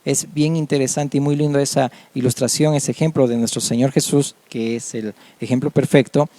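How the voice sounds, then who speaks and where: Earnest preaching man, mellow dry voice. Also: mid-range voice, fairly even intonation, normal speed, no room sound. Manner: earnest preaching, often adds amen. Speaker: pastor. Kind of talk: sermon.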